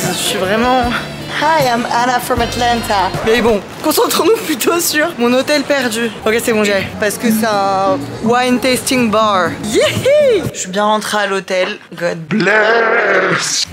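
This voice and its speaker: A young adult woman talking casually to a handheld camera, chatty and playful with self-mocking asides, from city streets and a hotel room. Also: on the high side. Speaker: travel vlogger. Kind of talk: casual vlog talk to camera. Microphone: handheld vlogging camera.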